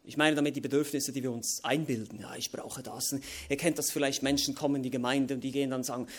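A man preaching a sermon, emphatic and repetitive, rising to loud climaxes and dropping to quiet asides. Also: medium pitch, steady tone, rapid-fire.

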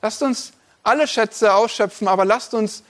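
High-voiced male preacher. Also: moderate pace, fairly bright tone. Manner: emphatic direct address to the listener; builds repeated lists. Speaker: pastor. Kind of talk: sermon.

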